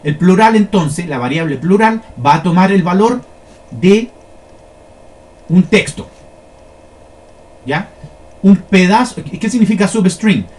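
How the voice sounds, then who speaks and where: A man's voice: high-pitched, expressive, slow pace, long pauses, a little mellow. A man teaching a lesson, explaining step by step and often checking that his listeners follow. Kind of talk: classroom lesson on flowcharts.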